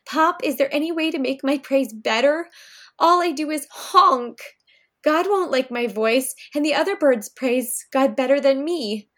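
A woman voicing an upset young male peacock chick in a storybook reading, with a high, strained voice. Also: unhurried.

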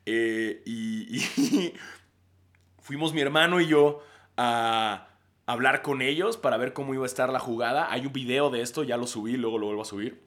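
A man's voice: medium pitch, moderate pace. A man in his thirties with a Mexican accent, a podcast host telling a story casually with lots of slang and laughter. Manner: animated, slangy, laughs often.

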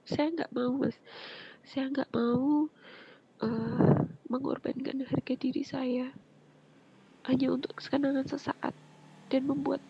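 A woman, earnestly telling her personal story as an interview guest, often dropping into a soft breathy whisper. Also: sits high, level tone, takes it slowly, pauses often. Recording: muffled lo-fi with faint background noise.

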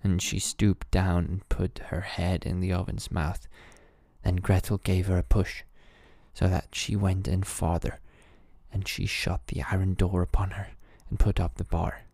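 A man with a very low, dark voice reads a fairy tale aloud as a calm bedtime story. His delivery is measured and steady, recorded dry with no room sound. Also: vocal fry, dry recording.

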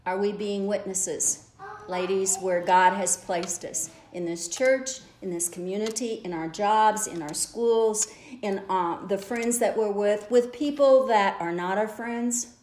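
A woman lay preacher with a medium-pitched, slightly slow and mellow voice gives a church message to a women's gathering, earnest and exhorting. She builds her points through repeated phrases in an echoey sanctuary, with a little hiss or hum on the recording.

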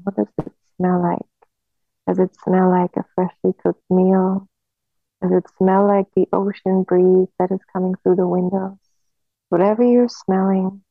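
Slow hypnotist woman, creaky voice, phone-like sound. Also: fairly low pitch, no echo. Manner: slow, soothing hypnotist delivery with long pauses. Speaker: hypnotherapist guiding a visualization. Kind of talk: guided hypnosis relaxation.

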